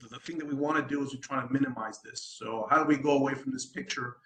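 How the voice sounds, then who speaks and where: A man's voice: medium pitch, steady tone, fast, fairly bright tone, reverberant, poor audio. A man from the United States, a sustainability design consultant, giving a presentation at an online event, hesitant with many ums and restarts and a habit of asking "right?".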